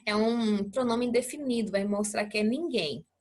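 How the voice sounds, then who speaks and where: Breathy-voiced woman teaching a lesson. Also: fairly high pitch, darkish tone. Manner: explains patiently, repeats words, checks in often; models English pronunciation slowly. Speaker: English teacher. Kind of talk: recorded classroom lesson.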